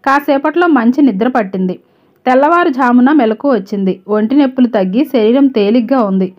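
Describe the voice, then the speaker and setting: A woman storyteller reading a scripted story in a steady, even manner. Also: fairly high pitch, a little fast. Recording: slightly dull lo-fi recording.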